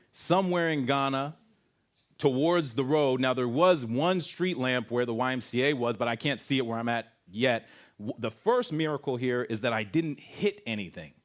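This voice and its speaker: A man from Canada, speaking at a camp and telling a personal story in an animated way, acting out voices and sound effects. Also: medium pitch, a little slow. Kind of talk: storytelling testimony talk.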